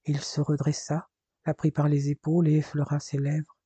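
A man's voice: a little high, normal speed, husky, dry recording. A man narrating a romance novel aloud, reading steadily into a close mic. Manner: steady storytelling read. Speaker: audiobook narrator. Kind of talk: scripted narration.

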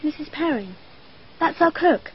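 Here the actress's voice sits high with lively intonation, delivered a little slowly. She portrays a dreamy, precocious twelve-year-old who speaks in an earnest, matter-of-fact, slightly strange manner, heard through dull lo-fi archive radio with faint hiss.

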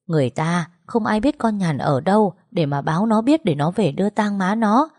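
A woman voicing a blunt older village man who scolds slowly in a storybook reading. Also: mid-range voice, expressive, darkish tone, dry recording, clean studio sound, close to an everyday voice. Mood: reproachful. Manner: slow, blunt and reproachful.

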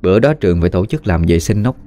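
A man narrating a spooky story in a folksy, animated way, acting out the voices of the people in it. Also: low-pitched, fast talker, soft background music. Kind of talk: spoken ghost story narration.

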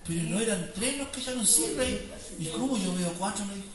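A man with a Chilean accent preaching a fervent sermon as pastor, rising to near-shouts and sing-song praise. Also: sits high, lively intonation, a little fast, a crowd in the background. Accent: Chilean Spanish. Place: church hall. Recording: echoey church sound from a distance with congregation.

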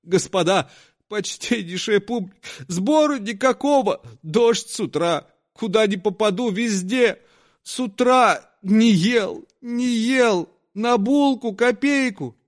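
A man's voice: high-pitched, sing-song, moderate pace, pitched above the performer's own voice. A man doing a hungry, trembling street conjurer. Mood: tearful pleading. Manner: pleading, shaky showman patter.

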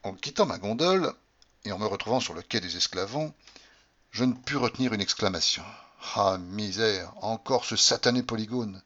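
A man's voice: on the low side, expressive, normal speed, a bit bright, dull audio. Man narrating a classic novel. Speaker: audiobook narrator. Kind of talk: literary audiobook narration.

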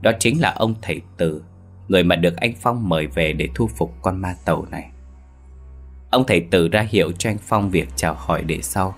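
A man narrating a ghost story in a steady, measured way. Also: sits low. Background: faint background music.

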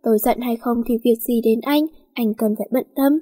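A woman's voice: fairly high pitch, fairly even intonation, a little fast, dark tone, husky, dry recording. A woman voicing a stubborn, jealous young woman who answers in curt retorts. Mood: sulky. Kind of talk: storybook reading.

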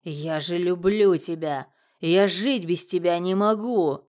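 A woman reading an audiobook, voicing a drunk, violent young ex-husband who shouts and then whines. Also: mid-range voice, lively intonation, takes it slowly. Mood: pleading angry. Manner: shouting, whining.

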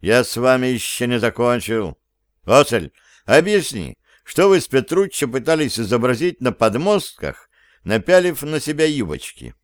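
A man's voice: medium pitch, sing-song, moderate pace, no room sound, studio quality, natural voice. A man voicing a stern, exasperated chief who scolds and questions his unruly team in an audiobook. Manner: scolding, interrogating.

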